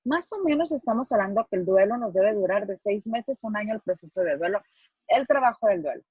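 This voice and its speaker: A woman's voice: medium pitch, expressive, a little fast, a little mellow, slightly rough, no echo, lo-fi sound. A middle-aged woman from Mexico, a psychologist, giving an earnest, explanatory lecture to students and acting out the phrases she quotes.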